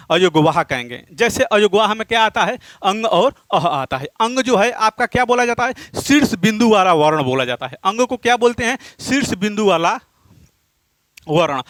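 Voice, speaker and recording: A man teaches a classroom grammar lesson in a high, clear voice with a dry close sound. He keeps asking the class a question and answering it himself. On each answer he drops lower and slows down, and he counts items aloud one by one. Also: a bit bright, no room sound. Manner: asks questions and answers them himself, repeating key points.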